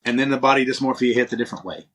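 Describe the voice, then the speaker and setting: A man talks quickly as a podcast guest, recounting his experiences in an easygoing, conversational way. He is a lively storyteller who slips into the voices of the people he quotes, and his pitch sits at an ordinary middle level. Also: breathy edge. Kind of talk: casual interview storytelling.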